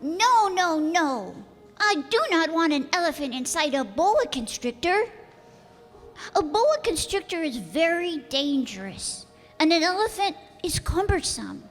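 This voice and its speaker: A woman's voice: extremely high pitch, very animated, unhurried, full character voice. A woman playing a small, earnest, insistent boy prince from another planet in a radio drama, speaking with precise, solemn, childlike delivery. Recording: long hall reverb, music behind.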